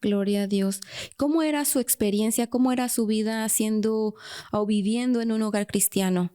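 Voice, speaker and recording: A woman's voice: medium pitch, normal speed, warm tone, smooth. A woman hosting a church radio interview, devout and often breaking in with praise and amens as she asks her questions. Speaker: radio show host.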